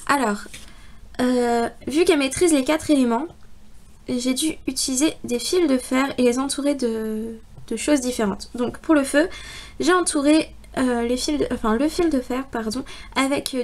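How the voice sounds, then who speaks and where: A young woman with a high voice talks through her handmade model in a relaxed, chatty way. She leans on fillers and breaks into small giggles as she explains each part. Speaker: hobby crafter presenting a contest entry. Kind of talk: casual video presentation.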